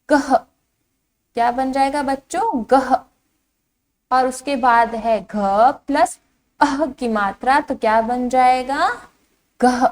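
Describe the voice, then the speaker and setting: A woman teacher giving a patient lesson to young children, saying each syllable clearly and asking the class to repeat it. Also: high-pitched. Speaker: primary school teacher. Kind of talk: slow online Hindi lesson for young children.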